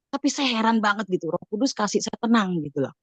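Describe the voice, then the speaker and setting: A woman's voice: mid-range voice, expressive, fast, no echo, muffled recording. A middle-aged woman giving a casual spoken testimony at a prayer meeting, chatty, with many fillers and restarts. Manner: chatty, frequent fillers and self-corrections. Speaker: church member giving a testimony.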